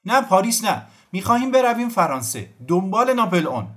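A man voicing a simple, homesick cossack soldier who speaks in short, halting phrases. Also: sits high, big pitch swings, a bit bright, voice pushed up. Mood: earnest. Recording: faint music behind.

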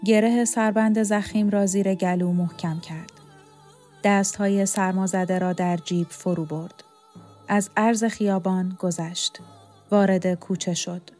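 A woman narrating a novel in a measured, even storytelling voice. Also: medium pitch. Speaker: audiobook reader. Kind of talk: scripted narration.

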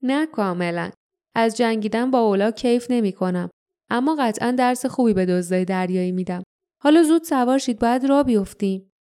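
Tough warrior man, as a woman reads him, firm steady leader, explaining plans, mellow voice, audiobook. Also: a little high, lightly acted. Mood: wry.

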